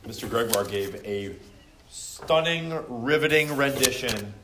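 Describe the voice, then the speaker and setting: A man's voice: medium pitch, expressive, unhurried. Middle-aged man, teacher, joking quiz banter, roomy classroom echo, faint background hiss. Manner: joking, quizzing students by name. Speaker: teacher hosting a class review podcast. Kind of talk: casual classroom review chat. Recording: echoey classroom with faint noise.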